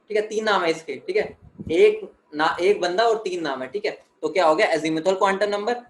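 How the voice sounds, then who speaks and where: A man with a high voice gives a chemistry lesson in an echoey room. He keeps checking in with "theek hai" and answers his own questions as he walks the class through the material. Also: a little hiss or hum. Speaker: chemistry teacher. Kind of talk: classroom lecture.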